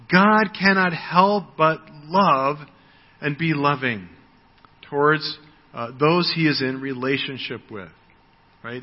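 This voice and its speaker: Conversational American preacher in his sixties, slightly higher voice, long hall reverb, muffled lo-fi sound. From United States. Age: 60s. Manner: conversational, frequent "right?", repeats words when starting. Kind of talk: sermon.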